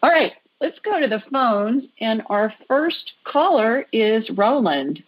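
A woman hosting a podcast, chatty and upbeat, taking callers and making quick jokes. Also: a little high, sing-song, breathy edge, highs cut off. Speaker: podcast host. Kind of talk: casual chat.

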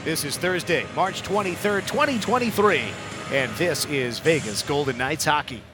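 High-pitched man calling live hockey play-by-play. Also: moderate pace, over music. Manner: excited, dramatic calls on scoring plays. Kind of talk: live sports commentary. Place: arena broadcast booth.

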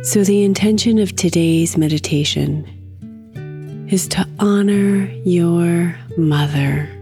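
Slow, soft woman guiding a meditation. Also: lowish voice, faint music behind. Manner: soft, soothing, with long pauses. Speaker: guided meditation host. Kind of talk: guided meditation narration.

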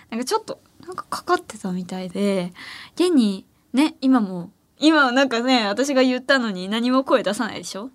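A young woman hosting a late-night radio show, chatting casually in a playful, teasing way and laughing often. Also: sits high. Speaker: radio host. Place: radio studio.

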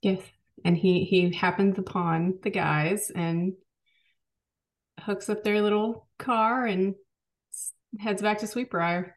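A woman's voice: medium pitch, steady tone, takes it slowly, pauses often. A woman co-hosting a book review podcast, chatting casually and often agreeing with short replies. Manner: agreeable, short affirmations, easygoing. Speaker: podcast co-host reviewing romance books. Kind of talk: casual chat.

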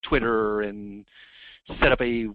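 A man's voice: on the low side, steady tone, slow, no room sound. Male guest heard over a landline phone, dull dry sound, easygoing and self-deprecating. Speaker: guest author. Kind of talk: casual interview chat. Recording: muffled landline phone line.

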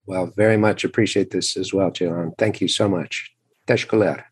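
A man's voice: deep voice, fairly even intonation, normal speed, soft background music. A man speaking as a podcast guest in a reflective, encouraging way. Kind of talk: casual podcast conversation.

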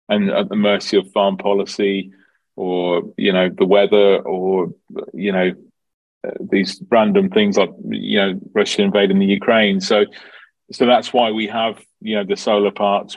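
Interviewed about his work, a Dublin farm manager gives informal, explanatory answers peppered with "you know." He has a lowish voice with a Dublin Irish accent, on a dry, low-quality recording.

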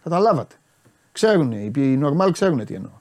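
Male football pundit, emphatic and lively, higher voice, live-stream chat delivery. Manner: animated, emphatic, scolding viewers.

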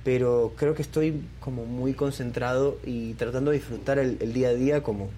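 A man's voice: mid-range voice, steady tone, normal speed, dark tone, a little hiss or hum. A young man from Ecuador, a singer being interviewed, talking casually with many fillers and restarts. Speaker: guest singer.

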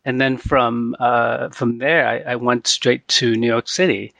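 A middle-aged man from China answering interview questions, halting and full of fillers. His voice has a gravelly, creaky edge and sounds close and dry. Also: medium pitch, flat delivery, a bit bright, no echo. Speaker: guest artist. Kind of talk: casual interview.

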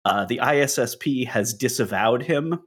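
A man describing his tabletop game character in a halting way, with fillers. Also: medium pitch, animated, a bit bright. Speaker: player.

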